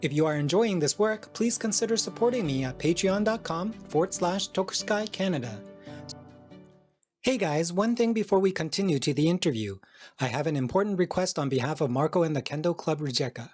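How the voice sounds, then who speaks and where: A man's voice: fairly high pitch, lively intonation, fairly quick, a little mellow. Upbeat male podcast host over faint music. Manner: upbeat scripted announcements. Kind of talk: podcast intro and interviewing.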